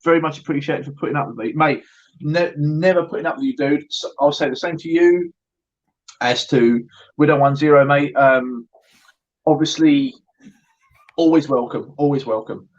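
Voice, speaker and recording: A man's voice: a little high, normal speed, highs cut off. A man hosting a casual debrief of an airsoft event, swearing and joking and often stumbling and restarting his words.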